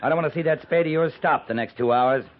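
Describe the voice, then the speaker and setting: An actor playing a stern, laconic cavalry captain in a 1950s radio western, giving commands in a terse, grim manner. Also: male voice, fairly high pitch, fast talker, natural voice. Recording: muffled 1950s radio transcription, faint hiss.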